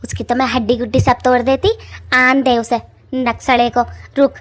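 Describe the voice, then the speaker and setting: A hot-tempered witch mother rants in a high voice, voiced by a woman. She is rustic and threatening, and fiercely protective of her daughter. The voice belongs to a cartoon. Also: flat delivery, moderate pace, natural voice. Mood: furious.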